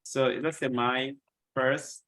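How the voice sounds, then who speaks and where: A man teaching a live coding class, patiently walking students through code step by step, a bit hoarse as he loses his voice. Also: medium pitch, level tone, takes it slowly, a bit bright. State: losing his voice, coughing. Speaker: coding instructor.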